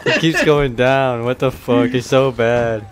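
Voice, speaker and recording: A man's voice: mid-range voice, a little slow. A man joking and swearing in casual gaming banter. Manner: profane, joking. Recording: noisy game voice chat, clicks.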